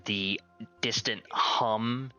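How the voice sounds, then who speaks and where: A man improvising narration as game master of a tabletop game in a casual, halting way. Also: on the low side, fairly even intonation, sharp tone, clean tone, faint music behind. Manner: casual, halting, searching for words.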